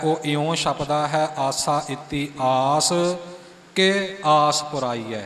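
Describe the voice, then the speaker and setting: A man teaching Sikh scripture, explaining its verse forms calmly and singing lines slowly to show how they should be pronounced. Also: fairly high pitch, in a large hall. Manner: explains calmly, then sings lines slowly to model pronunciation. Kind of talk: teaching correct recitation of scripture.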